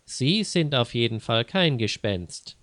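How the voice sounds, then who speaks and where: A man's voice: medium pitch, big pitch swings, slow pace, a bit bright, dry recording. A man voicing a blunt, skeptical man who mocks and scoffs. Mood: scornful. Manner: mocking, scornful.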